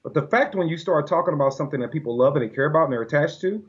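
A man speaking as a podcast guest in a casual conversation, animated and argumentative. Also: on the high side, racing, breathy edge. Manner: animated, argumentative, often acts out quoted voices. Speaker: podcast guest, gun-rights advocate. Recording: dull lo-fi audio.

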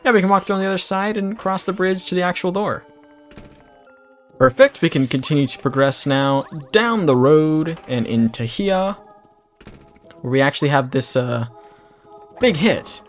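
A man's voice: a little high, expressive, a little slow. Rambling man narrating a video game. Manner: rambling, jokey asides. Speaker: let's play commentator. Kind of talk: casual gameplay commentary. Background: game music.

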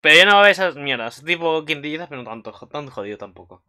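Young dude rambling an anime recap, bright crisp voice, lots of fillers. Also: male voice, a little high, fast talker. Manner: rambling, filler-heavy, excitable. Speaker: anime commentary vlogger. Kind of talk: casual episode recap.

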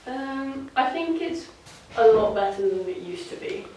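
A woman's voice: on the high side, expressive, a little slow, a little mellow. A young woman answering vox pop questions in a chatty way, with fillers. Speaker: interviewee. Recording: echoey room, distant mic, faint noise.

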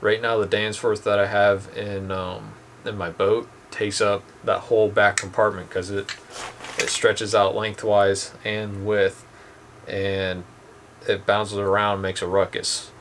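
A young man's lowish voice, at a measured pace, carries a casual demo of two boat anchors. He reviews them for his channel in a dim room at home, speaking plainly with many ums, over slight background noise.

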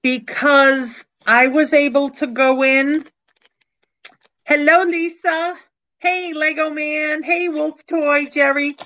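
An older woman in her sixties talks slowly and comfortably, hosting a live-stream auction from a small room at home. Her voice sits a little high, and she chats with viewers by name. The audio comes through a webcam and sounds a bit dull and lo-fi. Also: sharp tone. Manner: slow, unhurried, chatty, thanking viewers by name. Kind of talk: casual live-stream chat. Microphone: webcam on a computer, video call.

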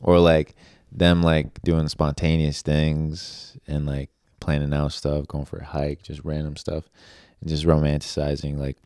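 Young man, very low voice, smooth and clear, casual podcast chat, lots of filler words, dry close sound. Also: monotone, unhurried, few pauses, darkish tone, no echo. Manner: rambling, heavy on fillers like "like" and "you know".

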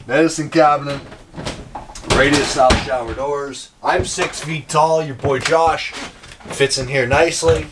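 A man's voice: fairly high pitch, fairly even intonation, measured pace. Upbeat salesman in noisy camper. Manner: upbeat, jokey salesman patter. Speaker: RV dealership salesman giving a walkthrough. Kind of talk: casual walkthrough tour. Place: inside a small camper trailer.

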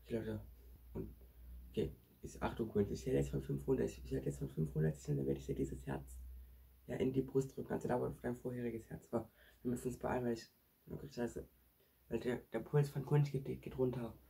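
An excitable male vlog host talks straight to his viewers with a gravelly edge. His tone is deeply husky, almost airy, at a middle pitch. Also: fairly quick. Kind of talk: staged real-life prank vlog.

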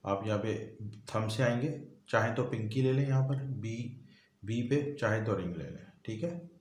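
A man's voice: medium pitch, a little slow. A man teaching a song on piano, patiently explaining each note, chord and finger step by step. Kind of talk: step-by-step music tutorial. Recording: echoey room with piano playing.

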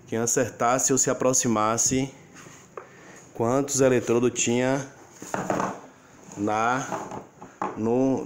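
Brazilian guy doing a casual unboxing, lowish voice, really slow and halting, bit of phone noise. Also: darkish tone. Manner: halting, pausing mid-phrase and repeating words. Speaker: giveaway winner unboxing a prize. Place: small furnished room at home, indoors. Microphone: handheld phone behind the camera. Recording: noisy handheld phone recording, handling clicks.

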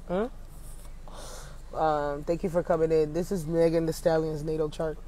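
A man's voice: a little high, flat delivery, normal speed, warm tone, slight background noise. A man hosting a casual livestream as an astrologer, joking around and putting on a mock announcer voice, talking into his phone.

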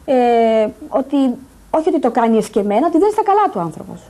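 A woman's voice: fairly high pitch, sing-song, dark tone. A distressed middle-aged woman giving agitated, insistent testimony in a news interview, repeating her points. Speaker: interviewee, patient's daughter.

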